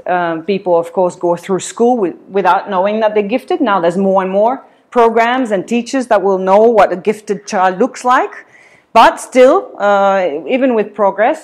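A woman's voice: medium pitch, darkish tone. A woman from Switzerland giving a seminar talk in a meeting room, with many ums and uhs, filmed by a camera across the room. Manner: many fillers, hesitant, laughs often. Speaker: seminar speaker. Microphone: far camera.

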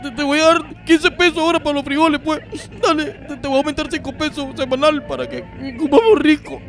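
High gravelly Nicaraguan comic man. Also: level tone, brisk, over music. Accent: Nicaraguan Spanish. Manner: pleading, joking, teasing. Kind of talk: comic sketch acting.

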